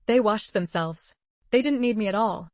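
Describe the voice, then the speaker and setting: A sharp-tongued young woman with a wry, teasing way of talking, read by a woman in an audiobook. Her voice is mid-pitched and sounds close and dry. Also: moderate pace, no echo, lightly acted.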